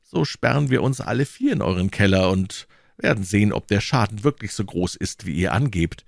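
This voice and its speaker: A man's voice: on the low side, expressive, normal speed, creaky, no room sound, clean studio sound. A man voicing an earnest young musketeer in an audiobook reading. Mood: stern. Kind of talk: audiobook character voice.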